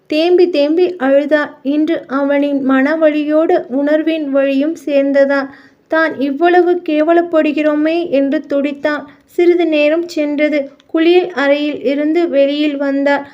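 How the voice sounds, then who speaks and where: A woman narrating an audio novel in a steady, dramatic storytelling manner, on muffled lo-fi audio. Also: high voice, unhurried.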